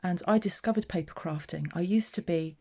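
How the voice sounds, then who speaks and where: Speaking briskly in a fairly low, mellow voice, this papercraft demonstrator from southeast England talks through her card making in a relaxed tutorial style, describing what her hands are doing.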